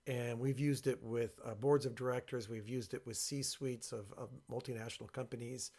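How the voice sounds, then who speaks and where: A man presenting informally and explaining his work, speaking with a box over his head, in a creaky voice. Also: mid-range voice, fairly even intonation, moderate pace, a little mellow. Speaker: workshop creator and presenter.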